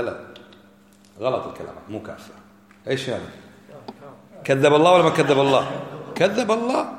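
A man giving a religious lesson, arguing his points with rhetorical questions. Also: fairly high pitch. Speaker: preacher. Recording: echoey hall.

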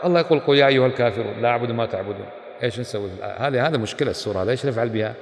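A man's voice: mid-range voice, racing. A man gives a religious lesson, speaking emphatically and firing rhetorical questions at his listeners. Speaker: Islamic scholar teaching a class. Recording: echoey hall with long reverb.

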